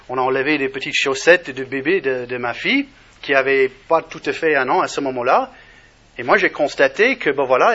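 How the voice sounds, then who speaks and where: A middle-aged man with a non-native French accent giving a personal testimony talk to an audience, halting, with many restarts and fillers. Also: on the high side, fairly bright tone, slightly rough. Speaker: speaker. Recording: dull lo-fi recording.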